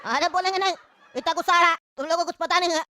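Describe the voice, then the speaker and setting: A woman's voice: high-pitched, fast, sharp tone, slight background noise. A woman voicing a fussy, hot-tempered old grandfather in a cartoon comedy, with a Bihari Hindi accent and a grumbling, quarrelsome way of talking. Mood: grumbling, angry.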